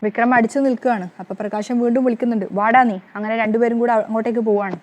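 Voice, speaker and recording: Woman narrator, fast running recap, slightly high voice. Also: fairly even intonation, a little mellow, a little hiss or hum. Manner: rapid, breathless retelling.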